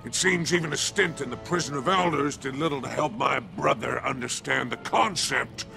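An actor playing a sly, menacing alien crime boss in a video game, mock-friendly and theatrical, with a gravelly growl. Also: male voice, medium pitch, moderate pace. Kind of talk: video game character acting. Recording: game music under the voice.

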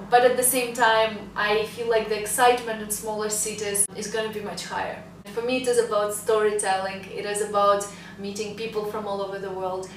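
A woman's voice: mid-range voice, distant mic. A young woman from Russia, speaking English, chatting casually and upbeat in a vlog and laughing now and then. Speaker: vlogger. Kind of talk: casual vlog talk to camera. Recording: roomy, a little off the mic, faint hiss.

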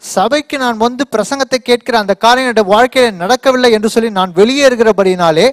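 A man interpreting a sermon live, quickly and fluently rendering each phrase right after the preacher. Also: very high-pitched.

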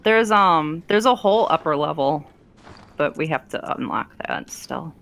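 A woman's voice: deep voice, expressive, measured pace, vocal fry, fairly bright tone, a little hiss or hum. A woman co-hosting a game stream in a casual, giggly way. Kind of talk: casual chat over gameplay.

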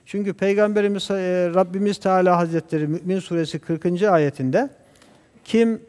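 A man speaking as a guest scholar on a religious TV program, talking in a measured, preacher-like way and reciting Arabic verses. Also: high voice, fairly even intonation, darkish tone, big-room sound. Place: TV studio.

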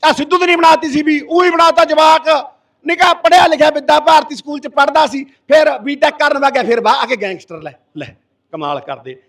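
Fiery, high-voiced Punjabi man orating. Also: fairly even intonation, fast talker. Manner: impassioned, forceful, roaring. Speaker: activist addressing a protest gathering. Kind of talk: fiery public speech. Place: village protest sit-in. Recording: voice from far off the mic.

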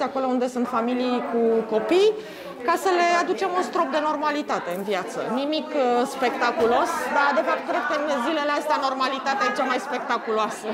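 Woman volunteer, high voice, thoughtful, crowd roaring behind. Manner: thoughtful, hesitant fillers. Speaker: volunteer with therapy dogs. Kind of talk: explaining in an interview.

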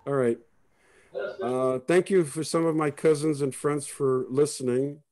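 A man's voice: on the high side, fairly even intonation, a little slow, a little mellow. Man telling family history. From Israel. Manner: rambling, conversational, many restarts. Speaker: presenter. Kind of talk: family history talk and Q&A on a video call.

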